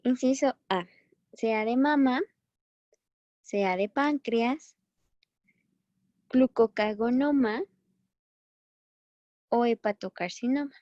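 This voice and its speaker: A woman's voice: a little high, takes it slowly, long pauses, a little mellow, no room sound, dull audio. Chatty woman teacher, dry close sound. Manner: chatty, encouraging, corrects herself often. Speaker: medical teacher. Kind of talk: recorded lecture.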